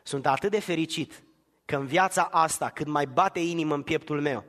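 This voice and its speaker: A male preacher delivering a sermon in a slightly high voice, swinging from near-shouts down to hushed tones. His voice rings out with a long reverb in a large church hall.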